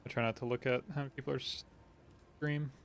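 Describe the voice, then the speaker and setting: Male streamer, mid-pitched, casual gameplay commentary, noticeable background noise. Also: fairly even intonation, moderate pace. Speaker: game streamer. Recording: clearly noisy game ambience behind.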